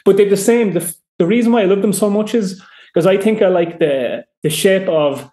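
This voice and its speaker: A man with an Irish accent, a podcast guest telling fishing stories in a rambling, animated way with many fillers. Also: high voice, brisk, echoey room. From Ireland. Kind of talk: casual chat.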